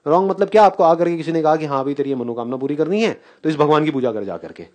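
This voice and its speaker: A man giving a live spiritual talk to an audience, animated and questioning, often laughing as he mixes English phrases into Hindi. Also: fairly high pitch, fast. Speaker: spiritual speaker.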